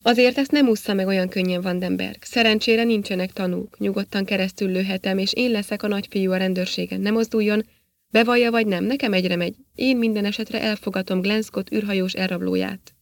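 A woman's voice: medium pitch, fairly even intonation, dry recording, clean studio sound, lightly acted. A woman reading the lines of a cynical, threatening male police sergeant in an audiobook, with a sneering, menacing delivery.

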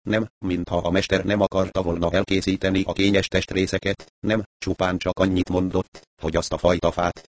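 A man narrating a novel as an audiobook reading, calm and even, close to the mic. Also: low-pitched.

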